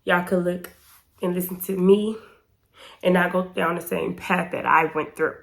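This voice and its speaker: A young American woman in her 20s, congested and a bit hoarse from pollen, tells a story to camera as a YouTube storytime vlogger. Her slangy, chatty delivery is informal and emphatic, with a lowish voice, steady tone and normal pace.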